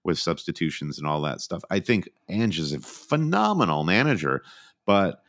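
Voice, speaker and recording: A man's voice: sits low, sing-song, normal speed, a bit bright. A man co-hosting a casual football podcast, laying out earnest, opinionated analysis in long run-on sentences. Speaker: podcast co-host.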